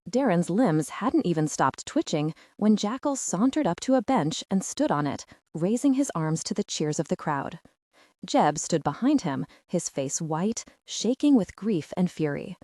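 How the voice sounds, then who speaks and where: A woman's voice: on the low side, darkish tone, dry recording, studio quality. A woman narrating an audiobook with tense, dramatic storytelling.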